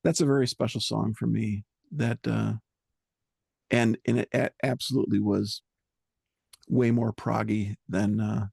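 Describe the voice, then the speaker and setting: A man being interviewed as a musician, talking in an earnest, halting way and searching for words. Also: on the low side, steady tone, creaky, darkish tone, slightly rough, dry recording, clean studio sound. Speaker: musician guest. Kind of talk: reflective interview talk.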